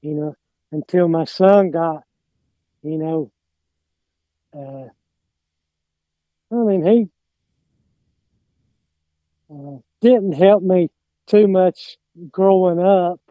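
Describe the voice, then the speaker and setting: A man's voice: high voice, very slow, long pauses, dry recording, phone-quality sound. A middle-aged man with an Appalachian mountain accent chatting casually, rambling and hesitant, often trailing off. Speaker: podcast guest, lawn care business owner. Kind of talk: casual chat.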